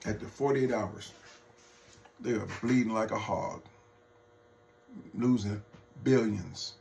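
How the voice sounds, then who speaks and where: Slow and lowish with vocal fry and a slightly mellow tone, a male political vlogger rants off the cuff. He's heated, profane and mocking, speaking right to his audience as folks.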